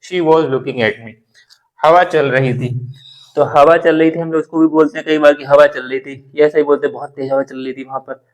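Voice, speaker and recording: A man teaching a spoken English lesson, slowly repeating example sentences word by word. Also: fairly high pitch, little pitch movement, rough recording.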